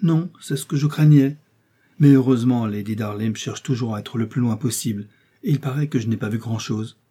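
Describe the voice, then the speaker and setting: Un homme qui fait parler une jeune femme réservée et douce mais ferme, dans un livre audio. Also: male voice, medium pitch, a little fast, warm tone, breathy edge, close to an everyday voice. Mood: earnest, reserved. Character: reserved young woman, gentle, quietly firm.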